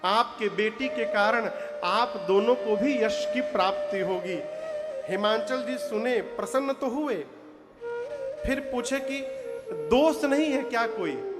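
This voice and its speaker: A man's voice: extremely high pitch, animated, slow pace. A male preacher with an eastern Uttar Pradesh accent tells a devotional story in sermon style, sings verses, and calls on the audience to answer aloud. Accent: eastern Uttar Pradesh (Purvanchal) Hindi. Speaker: Ram katha preacher. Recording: long hall reverb with devotional music behind.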